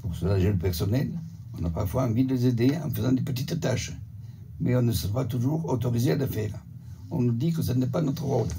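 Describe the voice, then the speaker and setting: An older man from the Montpellier area with a southern French accent, a retirement home resident reading a prepared report in a steady, measured way. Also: mid-range voice, a little hiss or hum. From Montpellier area, southern France. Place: retirement home, sent as a video.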